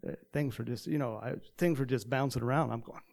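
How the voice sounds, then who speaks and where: A pastor in his sixties from Texas, with a slight Texan accent, preaches in a relaxed, meandering storytelling style full of fillers. His mid-range voice is somewhat dark, with vocal fry, and he talks fast.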